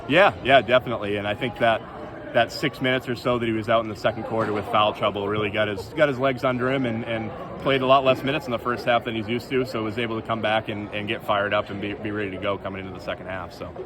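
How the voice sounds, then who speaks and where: A man's voice: fairly low pitch, fairly even intonation, fast, a crowd in the background. A man speaking as a basketball coach in a casual, earnest postgame interview.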